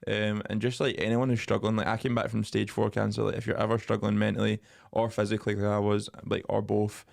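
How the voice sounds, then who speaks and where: This podcast co-host is a young man whose creaky voice sits on the low side and moves at a quick clip. His relaxed conversation is packed with jokes, profanity and lively storytelling.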